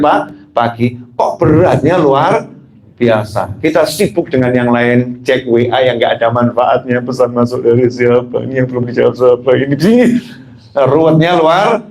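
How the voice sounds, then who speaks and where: A man's voice: mid-range voice, darkish tone, low-quality recording. Man preaching in a chatty, joking tone. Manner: chatty, joking, often laughing, asking the audience questions. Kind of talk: casual storytelling sermon.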